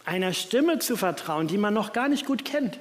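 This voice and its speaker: A man gives a sermon with a fairly high voice and a reflective manner, reading scripture passages aloud. His words ring out with a long reverb from the church around him. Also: very animated, moderate pace. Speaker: preacher.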